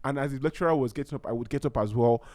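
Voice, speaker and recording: A man's voice: mid-range voice, very fast, a little mellow, no room sound, studio quality. A young man from Nigeria hosting his own podcast in a casual, heartfelt way, rambling and often restarting his sentences. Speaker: podcast host. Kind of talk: casual solo podcast talk.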